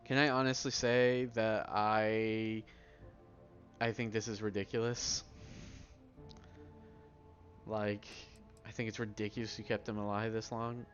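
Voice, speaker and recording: A man giving casual, rambling playthrough commentary on a video game, with informal, halting asides as he plays. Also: lowish voice, little pitch movement, soft background music. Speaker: gamer playing and commenting. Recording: dull microphone, faint background noise.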